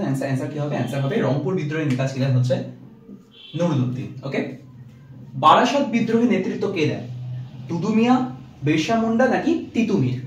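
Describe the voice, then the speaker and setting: A man teaching a rapid exam-revision lesson, reading options and then giving each answer. His voice sits a little high and moves at a brisk clip. It is heard from a distance in a strongly echoing room. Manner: reads options, then gives answers with fillers; mixes English words into speech. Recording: very echoey, from far off.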